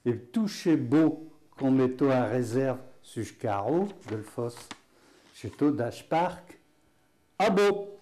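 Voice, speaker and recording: A man's voice: medium pitch, animated, slow pace, dark tone. A man with a Picard accent teaching patois words in a folksy, chatty way, full of fillers and chuckles. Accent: Picard (Hainaut). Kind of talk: casual spoken lesson.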